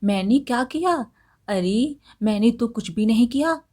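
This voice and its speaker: A woman's voice: medium pitch, unhurried, a little mellow, close to an everyday voice. A woman doing a shifty lying village man. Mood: defensive.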